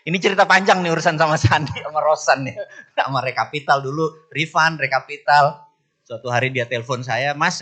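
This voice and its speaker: A middle-aged man speaking to an audience in a bright, fairly high voice. He tells his stories with animated energy, often leaping up in pitch to act out other people and checking in with the listeners. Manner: asks the audience "bener nggak?". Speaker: business speaker. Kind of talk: storytelling talk to an audience.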